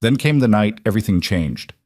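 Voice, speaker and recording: A man narrates a story in a steady, even reading. His voice sits low, and the recording is dry and close with no room sound. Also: a little fast, no room sound. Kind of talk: scripted audiobook narration.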